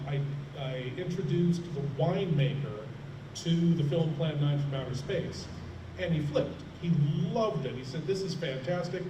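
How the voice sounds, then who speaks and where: A middle-aged man, a horror host, chatting and telling anecdotes on a convention panel. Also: on the high side. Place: large room at a convention, panel. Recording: roomy, distant, noisy convention hall recording.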